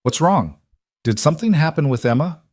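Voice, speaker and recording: A man's voice: a little high, lively intonation, normal speed, a little mellow, no echo, studio quality, pitched above the performer's own voice. A man voicing a tired but kind working single father, reassuring in tone, in a narrated story.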